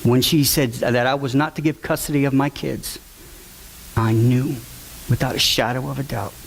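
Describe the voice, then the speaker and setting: A man's voice: mid-range voice, fairly even intonation, normal speed, gravelly, a little hiss or hum. A man, a father, telling an audience his personal story in an earnest, emotional way, sometimes acting out the people he quotes. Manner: acts out voices in quotes, shouting at times.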